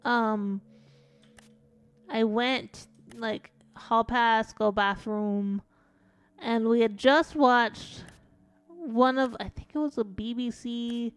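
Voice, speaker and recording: Slow-talking chatty woman streamer. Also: on the high side, steady tone, clear, resonant tone, no room sound. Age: adult. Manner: rambling, chatty, swears casually. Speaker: VTuber streamer. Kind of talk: casual storytelling while playing a game.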